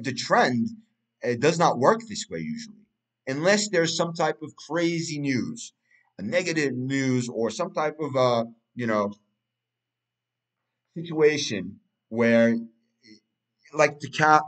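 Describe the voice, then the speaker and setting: With a mid-range, slightly bright voice, this Turkish-speaking man analyzes crypto markets casually as he walks through a price chart. He rambles, restarting often and leaning on many fillers.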